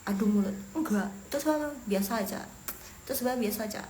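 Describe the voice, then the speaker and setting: A woman from Medan teaching Mandarin in a casual live lesson, chatty and quick to laugh, talking to viewers as friends. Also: a little high, mellow, reverberant, slight background noise. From Medan, Indonesia. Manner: chatty, laughs often, talks to viewers as guys.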